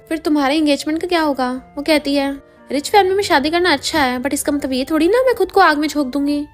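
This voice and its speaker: Woman, drama recap narrator, high voice, fast pace, faint background music. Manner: quotes every character in her own voice with light shifts. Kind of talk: fast casual storytelling recap.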